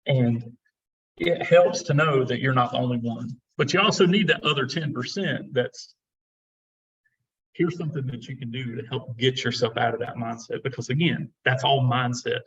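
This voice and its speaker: A man's voice: mid-range voice, normal speed, fairly bright tone, recorded from a distance, dull audio. A middle-aged man who works as a real estate investor, giving casual, encouraging advice and often repeating his words.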